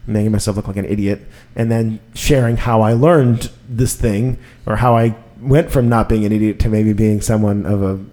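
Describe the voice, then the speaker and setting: A man in his thirties, a podcast host chatting casually and telling stories in a rambling, animated way with lots of fillers. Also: lowish voice, moderate pace, few pauses. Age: 30s.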